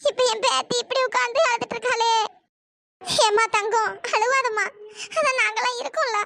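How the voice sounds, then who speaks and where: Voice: extremely high pitch, fairly even intonation, fairly quick, vocal fry, heavy background noise. A performer voicing an old grandmother in a cartoon story who comforts her granddaughter tenderly and scolds her own daughter furiously. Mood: tender coaxing. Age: older. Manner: scolding, shouting. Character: fierce loving old grandmother, sharp-tongued.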